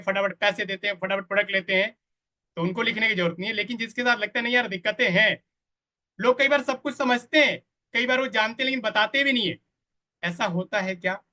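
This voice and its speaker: High, bright-voiced male trainer. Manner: addresses the audience directly, asks for chat replies; quotes others in a voice of their own. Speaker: network marketing trainer. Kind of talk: live online training presentation.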